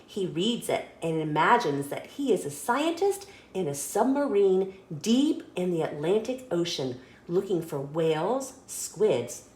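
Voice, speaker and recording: The recording is reverberant as a woman, serving as a story host, reads a kids' picture book in a fairly low, expressive voice with a deliberate storytelling pace.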